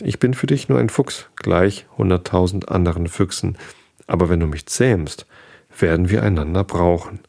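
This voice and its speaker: A man voicing a wise, patient male fox in a storybook reading, calm and earnest. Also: deep voice, vocal fry.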